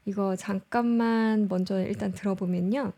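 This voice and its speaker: A woman's voice: medium pitch, steady tone, normal speed, mellow. A woman casually commenting on show clips, chatty and often laughing as she explains. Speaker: host reviewing show clips.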